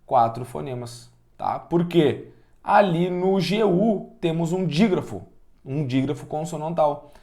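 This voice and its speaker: A man with a Brazilian Portuguese accent teaching a class, energetic, asking the students questions and counting out loud. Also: a little high. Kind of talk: online class lecture.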